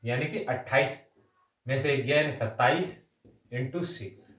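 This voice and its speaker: A man with a medium-pitched, fairly bright voice coaches students for an exam, working through maths sums step by step at an unhurried pace. He mixes English number words and terms into his explanation and often adds short check-in phrases. The recording is roomy and echoey, with the microphone placed far away.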